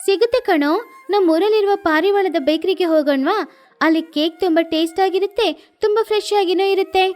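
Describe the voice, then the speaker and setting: Cartoon girl bird, caring and upbeat, very high, squeaky, woman voices her. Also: normal speed, darkish tone, soft background music. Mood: eager, encouraging. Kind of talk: cartoon voice acting.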